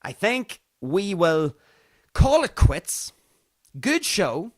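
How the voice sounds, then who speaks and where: A man's voice: high-pitched, big pitch swings, extremely slow, dry recording, studio quality. A man with a Northern Irish accent hosting a livestream talk show in a casual monologue, theatrical and repeating phrases for emphasis. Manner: theatrical, emphatic repetition for effect. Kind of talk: casual monologue to live stream audience.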